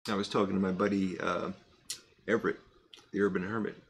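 Puffing on a pipe between thoughts, a middle-aged vlogger rambles casually to camera in a cluttered indoor workshop. His voice sits low and creaky, with a little hiss or hum, and his relaxed talk is full of fillers and restarts.

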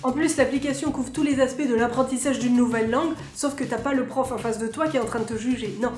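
A woman from France, a vlogger, chatting casually to camera in a lively, self-mocking way. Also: on the high side, fast talker. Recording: echoey room, faint music.

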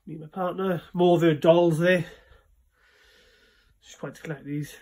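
This casual chat comes from a young man from Wales touring his small games room at home, captured on a phone camera held in hand. He keeps a moderate pace and fairly even intonation, his slightly mellow voice on the high side, with frequent fillers and rambling.

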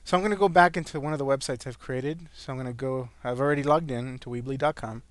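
A man's voice: mid-range voice, fast talker, dry recording. A man presenting an informal screencast tutorial, slightly wheezy and breathing a little hard as he talks through each step. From California, where he lives. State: breathing a little hard after an asthma attack. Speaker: online marketing tutorial presenter.

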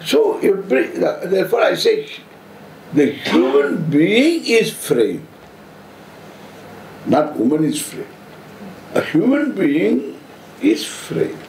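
Older male swami, South Indian accent. Unhurried, deliberate, humorous discourse, very animated intonation, noisy live room. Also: sits high, creaky. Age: 70s. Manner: deliberate, halting phrases, playful humour. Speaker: spiritual teacher, swami. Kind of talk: informal spiritual discourse. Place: seated on stage before an audience, indoors. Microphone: stand microphone close in front. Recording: roomy echo, audible background noise.

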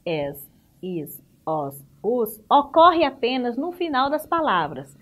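A woman's voice: fairly high pitch, sing-song, slow pace, fairly bright tone. A woman with a Brazilian Portuguese accent, teaching a remote school lesson, explaining step by step, asking the class questions and praising answers.

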